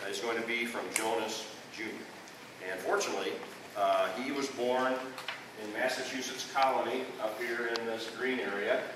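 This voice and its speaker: An older man with a Midwestern American accent, a re-enactor and teacher, gives a folksy history talk in a school classroom, frequently checking in with "okay?" His voice is medium-pitched, recorded from a distance in an echoey room with background noise.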